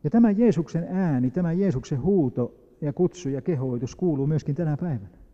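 A man preaching a sermon, reading scripture slowly and rising into emphatic, loud appeals. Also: fairly high pitch, lively intonation. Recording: dull lo-fi recording with long hall reverb.

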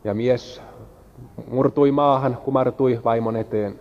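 A man's voice: medium pitch, fairly even intonation. A man interpreting a sermon line by line, following the preacher's rise and fall, with small slips and restarts. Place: church hall. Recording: muffled sound in a reverberant hall.

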